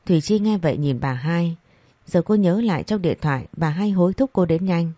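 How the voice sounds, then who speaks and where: A woman narrating a scripted story, reading each character's lines in the same even voice. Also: lowish voice, a little fast, dry recording. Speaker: audiobook narrator.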